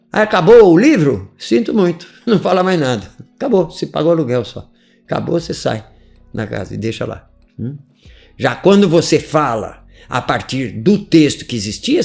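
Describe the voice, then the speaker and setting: Male teacher, raised voice, gravelly texture, faint music under a live online class. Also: on the high side, darkish tone. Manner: emphatic, rhetorical questions, frequent "né?" and "tá?"; chuckles between points. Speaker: English teacher. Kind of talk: live online lesson, explanatory.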